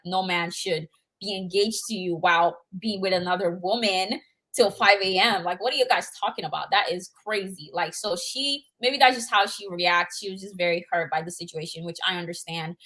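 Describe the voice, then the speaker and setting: A woman's voice: fairly low pitch, fairly even intonation, a little fast, a bit bright, rough recording. A woman co-hosting a casual podcast chat, opinionated but hedging her points. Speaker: podcast co-host.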